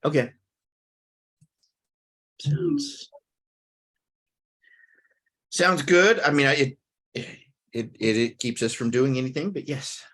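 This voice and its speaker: A man hosting a casual online meeting on a video call, speaking hesitantly and haltingly. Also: medium pitch, expressive, fairly bright tone. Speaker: meeting host.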